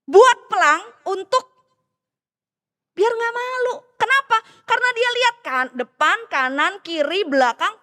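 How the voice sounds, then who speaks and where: High-voiced woman pastor preaching. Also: long reverb tail. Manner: warm, direct appeals to the congregation. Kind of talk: sermon with storytelling. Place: church.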